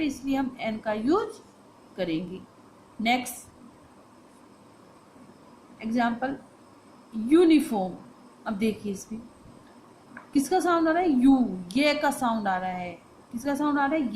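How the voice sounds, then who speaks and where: A woman teacher explains a grammar lesson to students. She poses questions and answers them herself, and says the phrases slowly and with stress. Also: sits high, slight background noise, low-quality recording.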